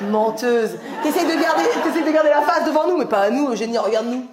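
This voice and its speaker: A woman's voice: sits high, lively intonation, fast talker. A woman stand-up comedian doing teasing, laughing crowd work with her audience on stage. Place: comedy venue with a live audience. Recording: echoey live room, audience noise.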